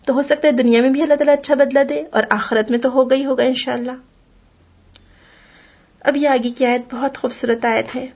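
A woman's voice: high-pitched, steady tone, a little mellow, dull audio. A woman teaching a Quran class, explaining patiently, repeating key points and reciting Arabic verses. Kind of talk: religious lesson.

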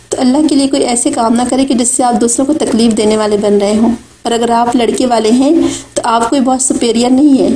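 A woman's voice: on the high side, warm tone, a little hiss or hum. A woman giving an Islamic lecture, speaking in an earnest, exhorting way. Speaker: religious speaker. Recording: echoey room.

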